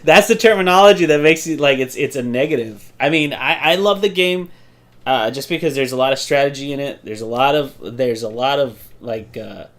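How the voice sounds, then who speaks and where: A man's voice: mid-range voice, brisk, fairly bright tone. A young man co-hosting a podcast in casual chat, stammering and restarting his sentences and laughing often. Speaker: podcast co-host.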